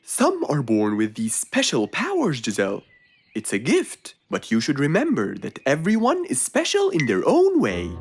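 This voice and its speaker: A woman's voice: sits low, normal speed, breathy edge, full character voice. A woman voicing a kindly, wise adult fox who tells children's cartoon stories and explains lessons patiently. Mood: encouraging. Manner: patient, teacherly, expressive.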